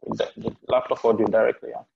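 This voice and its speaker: A man moderating an online panel discussion through a wireless earpiece, his audio crackling and breaking up over the call, speaking in a halting way with frequent pauses. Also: mid-range voice, little pitch movement, gravelly, a little mellow. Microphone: wireless earpiece on a video call. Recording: muffled, roomy video call audio.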